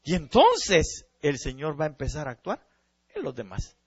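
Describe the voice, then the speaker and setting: A male pastor preaching a sermon, animated and often calling out to his listeners. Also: on the high side, normal speed, slightly rough, no room sound, muffled recording.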